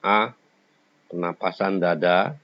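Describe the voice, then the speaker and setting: Low-pitched and slow, this man's voice comes through a dry recording with a slightly dull lo-fi quality. He teaches a school lesson in lecture style, working through each point and sometimes breaking into short sung examples.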